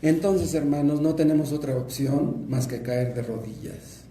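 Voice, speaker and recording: A man's voice: fairly high pitch, normal speed, warm tone, reverberant, slight background noise. A man, a pastor with a Mexican Spanish accent, preaching a sermon and asking and answering his own questions.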